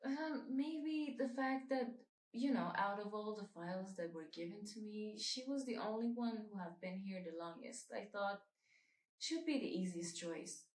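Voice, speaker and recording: A woman's voice: medium pitch, measured pace, natural voice. A woman voicing a nervous, defensive man being questioned by a psychiatrist. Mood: hesitant. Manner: nervous, rising to agitated yelling. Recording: roomy echo, faint music.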